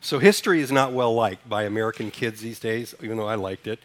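Speaking quickly in a voice on the low side, a pastor from Sudan delivers a sermon casually. He poses questions to the congregation, then takes them through a responsive reading line by line.

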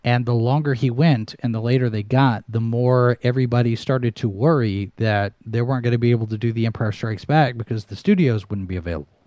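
Mellow-voiced man hosting a chatty livestream. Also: mid-range voice, fairly quick, hardly any pauses, dry recording. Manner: rambling, with frequent restarts and fillers. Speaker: livestream host. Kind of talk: casual livestream chat. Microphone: headset microphone with headphones.

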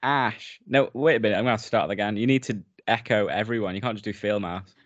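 A man's voice: on the low side, fast, dry recording, highs cut off. A British man co-hosting a podcast in casual chat, laughing often as he wraps up the episode. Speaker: podcast co-host.

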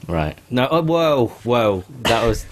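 A man's voice: mid-range voice, expressive, slow. A young man hosting a casual podcast, talkative and teasing, often stammering as he restarts a sentence. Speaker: podcast host. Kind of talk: casual chat.

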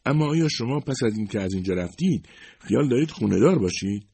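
A man's voice: mid-range voice, animated, creaky, dark tone, breathy edge, dry recording, voice pushed up. A man voicing a curious, earnest young woman who asks polite, probing questions.

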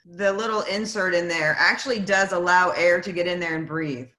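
Lively woman winemaker on a video call. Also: lowish voice, normal speed, roomy sound, poor audio. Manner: animated, acts out quoted voices. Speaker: winemaker guest. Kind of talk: casual storytelling chat.

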